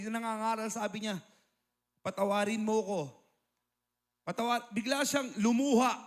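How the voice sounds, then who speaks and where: A man's voice: extremely high pitch, a bit bright. A male pastor preaching a sermon, mixing in English and asking rhetorical questions of the congregation.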